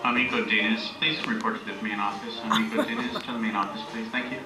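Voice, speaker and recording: A school announcement comes over a PA system, ringing off the hallway walls from far away. The announcer pages names at a quick clip, the pitch rising and falling with each name. Loud music plays over it. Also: reverberant. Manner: brisk formal paging, calling names to the office. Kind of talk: public address announcement.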